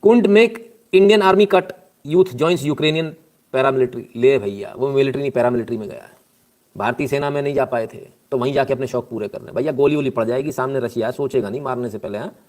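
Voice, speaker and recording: A man hosting a casual live news stream, talking at a middle pitch. He is sarcastic and scolding, and reads out and answers viewer comments as he goes. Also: fast talker, a little mellow.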